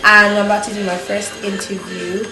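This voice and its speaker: A woman's voice: medium pitch, flat delivery, fairly quick, gravelly, reverberant, music in the background, poor audio. A woman hosting a casual interview, friendly and agreeable, often saying "you know". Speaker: interviewer, host.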